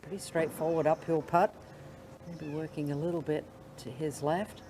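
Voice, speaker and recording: A man working as a golf commentator, giving understated, measured live commentary between shots. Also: fairly high pitch, steady tone, background noise.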